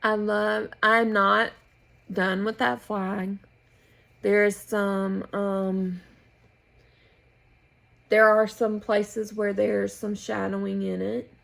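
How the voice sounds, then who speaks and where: An American woman showing her needlework at home in a relaxed, meandering way with pauses and restarts. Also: medium pitch, creaky. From United States. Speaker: flosstube host. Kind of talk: casual show-and-tell chat.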